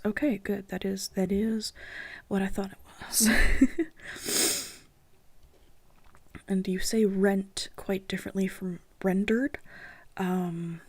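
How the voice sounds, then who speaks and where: Sleepy whispering woman, gravelly and husky. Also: mid-range voice. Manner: mostly whispered, reading her old prose aloud. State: sleepy, yawning. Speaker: writing channel host. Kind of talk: soft whispered writing vlog.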